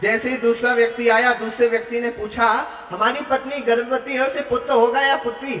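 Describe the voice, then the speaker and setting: Man, devotional preacher, story-telling and chanting, bright edge, long hall reverb, faint music behind. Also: very high-pitched, level tone, a little fast, muffled recording. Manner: addresses listeners as devotees, tells stories, breaks into chanting. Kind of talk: religious discourse with chanted verses. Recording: echoey hall, distant mic, faint music.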